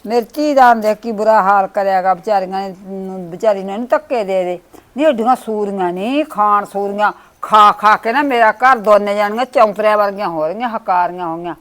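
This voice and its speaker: A woman's voice: medium pitch, brisk, close to an everyday voice. A woman playing an elderly mother who scolds her daughters-in-law, with a Punjabi accent. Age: older. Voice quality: scolding, rustic. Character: old mother, sharp-tongued toward daughters-in-law. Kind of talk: village family skit acting.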